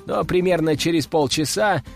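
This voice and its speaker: Male audiobook narrator, wry and expressive, faint music under. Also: on the high side, moderate pace, vocal fry. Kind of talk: first-person audiobook narration.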